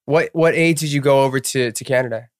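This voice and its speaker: A young man co-hosting a podcast in an upbeat, playful way. His voice is smooth and clear at a middle pitch. The recording is dry and close. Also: fast talker, no room sound. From Atlanta, USA. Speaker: podcast co-host. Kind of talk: casual podcast chat.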